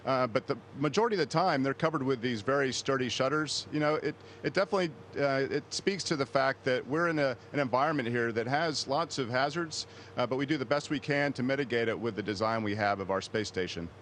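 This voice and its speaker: A man's voice: mid-range voice, fairly quick. A man speaking as an astronaut, giving explanatory interview answers from inside a space station. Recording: steady hum of spacecraft machinery.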